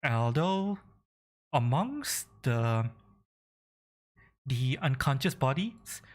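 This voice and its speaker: A man running a tabletop game, improvising the narration and thinking aloud in a halting way. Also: mid-range voice, sing-song. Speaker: game master.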